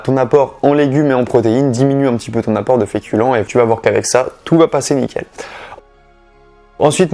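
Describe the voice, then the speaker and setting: A man's voice: medium pitch, warm tone. Casual, chatty young Frenchman giving tips. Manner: chatty, direct, addresses viewer informally. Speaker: fitness youtuber.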